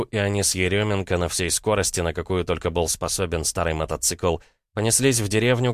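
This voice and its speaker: A man narrating an audiobook in a steady, expressive storytelling manner. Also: deep voice, no room sound, studio quality. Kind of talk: scripted narration.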